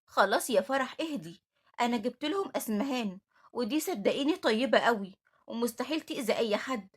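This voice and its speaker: A firm, motherly older matron with an Egyptian accent, as a woman reads her part, talking quickly and with authority. Her voice is high and a bit breathy. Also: expressive. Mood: tender. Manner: firm, scolding. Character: stern, motherly older woman who runs an orphanage.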